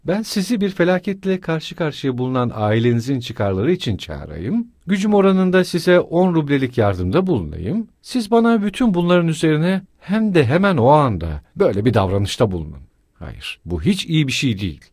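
A pompous, scheming middle-aged lawyer, played by a male reader, lecturing in a coldly polite, stiff tone. His delivery swings in pitch for emphasis. The sound is dry and close to the mic. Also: very animated, normal speed, a little mellow, no echo. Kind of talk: audiobook character voice.

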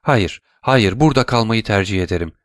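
A man's voice: lowish voice, expressive, fairly quick, no echo, clean studio sound, natural voice. A man voicing a frightened noblewoman who speaks in a shaken, strained way.

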